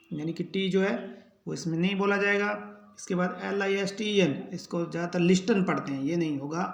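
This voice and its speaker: A man with a high-pitched voice gives a slow English pronunciation lesson, spelling each word letter by letter and then repeating how it is said. The sound is roomy.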